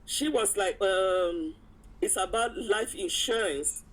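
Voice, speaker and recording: A woman's voice: medium pitch, slow pace, rough recording. Storytelling woman, a chatty interview guest. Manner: animated retelling with acted-out quotes and frequent chuckles. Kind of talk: casual personal storytelling.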